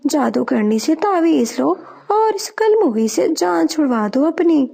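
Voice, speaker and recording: Cartoon crow girl played by a woman, sly, flattering, high, gravelly. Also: exaggerated voice. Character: young female crow, sly schemer.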